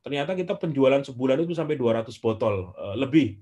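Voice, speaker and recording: A man, answering questions as guest speaker in an online class, telling stories in a lively way with frequent "eh" fillers. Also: mid-range voice, fast talker, breathy edge. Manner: animated storyteller with frequent "eh" fillers.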